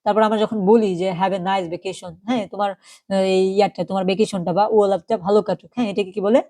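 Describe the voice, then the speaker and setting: A woman's voice: mid-range voice, steady tone, fast, warm tone. A woman teaching a recorded German class. She asks the class questions and repeats each German phrase twice. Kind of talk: recorded online language class.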